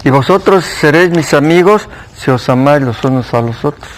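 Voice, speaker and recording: A man's voice: fairly high pitch, animated, a little fast, a little hiss or hum. A man with a Mexican Spanish accent teaching a church Bible class, conversational, questioning the class and repeating key points.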